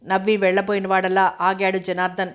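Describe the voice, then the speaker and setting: A woman reading a novel aloud in a steady, even voice. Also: mid-range voice, a little fast. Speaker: audiobook narrator.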